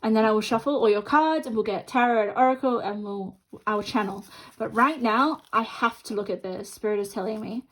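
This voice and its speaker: A woman with a fairly high voice hosts a chatty tarot card reading, addressing viewers directly. She talks with half of her mouth numb from the dentist. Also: fairly quick, fairly bright tone, poor audio. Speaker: tarot card reader and host.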